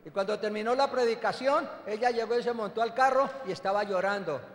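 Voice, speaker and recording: An older man preaching a testimony sermon in a fairly high voice. He tells his story emphatically, turning to his listeners as brothers. The sound rings around a large church hall with a long echo. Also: fairly quick. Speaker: apostle and pastor.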